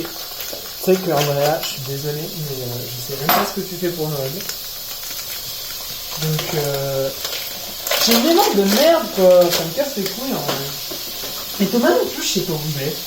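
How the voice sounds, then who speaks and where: A man's voice: sits high, background noise. A young man vlogging while cooking at home, rambling chaotically with self-mocking, swearing asides. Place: home kitchen. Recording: echoey kitchen with sizzling pan. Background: frying and sizzling food, stirring.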